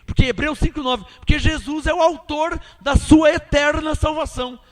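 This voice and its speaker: A man preaching an emphatic sermon with a Brazilian Portuguese accent, asking rhetorical questions and swinging between loud and quiet. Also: very high-pitched, normal speed, long reverb tail.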